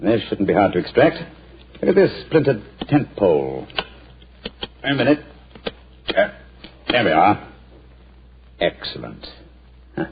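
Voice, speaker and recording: An actor playing Sherlock Holmes, a brisk, commanding detective, in a 1940s radio play. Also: male voice, on the low side, big pitch swings, a little hiss or hum. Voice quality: crisp, clipped and authoritative. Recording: muffled old 1940s radio broadcast.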